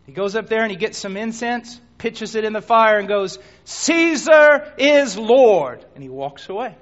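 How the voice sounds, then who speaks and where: A man preaching a sermon, telling a dramatic story that swings between hushed near-whispers and shouts. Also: high voice, animated, a little fast. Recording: dull lo-fi recording.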